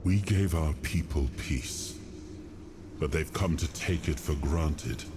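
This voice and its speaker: An actor playing a weary, proud king of legend who speaks in a grave, regal, deliberate manner in a game cutscene. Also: very deep voice, noisy background, full character voice. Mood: brooding, grave. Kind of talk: dramatic game cutscene monologue.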